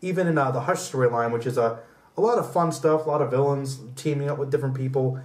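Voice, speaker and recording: A fast-talking man with a medium-pitched voice co-hosts a pop culture podcast, rambling and opinionated in easygoing debate. The audio has a roomy echo and a distant-mic sound.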